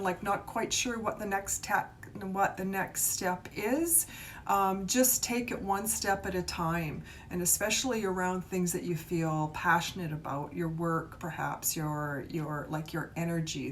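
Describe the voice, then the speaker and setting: Hosting a live stream, a woman who works as a tarot reader and reiki healer chats loosely with her viewers, offering an upbeat, supportive reading that wanders from point to point. A noticeable rumble runs beneath the stream.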